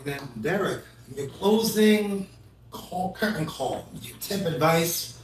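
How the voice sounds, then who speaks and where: A man's voice: high voice, a little hiss or hum. Upbeat thirties man, echoey and distant. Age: 30s. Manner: energetic, rambling, self-correcting. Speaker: host. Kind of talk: casual show talk.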